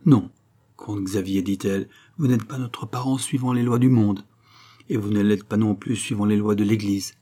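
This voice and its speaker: A dignified, weary mother aged before her time, read by a man in a storybook reading. She speaks in a measured, resigned way. The low voice sounds mellow and slightly husky. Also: steady tone, lightly acted.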